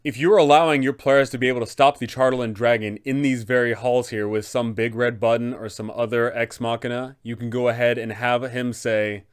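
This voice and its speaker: A twentysomething man explains and stresses points while presenting a guide for tabletop game masters, recorded indoors in a small furnished room. His clean mid-range voice is fairly even in intonation, fairly quick, with few pauses.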